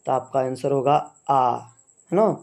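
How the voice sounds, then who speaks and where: A man's voice: medium pitch, a little mellow. A man teaching a grammar lesson, explaining step by step and often checking in with the listener. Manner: slow, measured, repeats "है ना" as a check-in.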